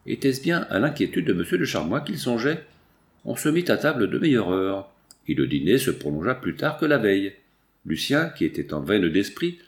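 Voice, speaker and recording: A man narrating a nineteenth-century novel as an audiobook, in a measured, expressive reading. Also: lowish voice, gravelly.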